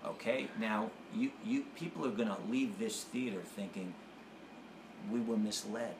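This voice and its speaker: Low-voiced man telling stories at ease. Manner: unhurried storyteller who acts out quotes. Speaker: comedian guest. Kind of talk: casual interview chat. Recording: echoey room with background noise.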